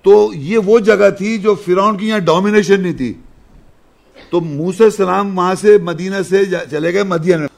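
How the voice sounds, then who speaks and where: A man's voice: high voice, gravelly. A man giving a scripture lesson in a conversational, explaining way. He often asks and answers his own questions and sometimes chants verses. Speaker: religious teacher.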